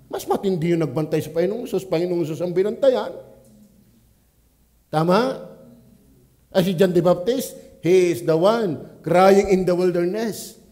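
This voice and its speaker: A man with a Batangas accent, a pastor preaching at a church prayer meeting, swinging from quiet asides to loud exclamations. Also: high-pitched, unhurried, pauses often. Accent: Filipino, Batangas.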